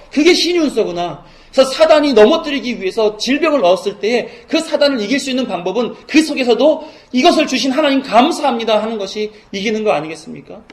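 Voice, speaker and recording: High-voiced Korean pastor preaching earnestly. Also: male voice. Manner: earnest preaching, rising to fervent emphasis. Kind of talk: sermon.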